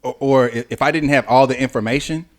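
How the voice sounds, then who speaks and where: A young man co-hosting a podcast, chatting casually, laid-back and joking, getting animated when he tells a story. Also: medium pitch, quick pace. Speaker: podcast co-host. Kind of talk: casual chat.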